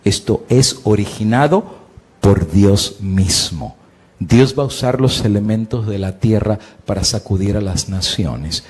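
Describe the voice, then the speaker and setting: A middle-aged male pastor with a husky voice, preaching a sermon with big swings in pitch and volume, asking his listeners questions and answering them himself. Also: unhurried, darkish tone. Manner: preaching with sweeping rises and drops in pitch and volume.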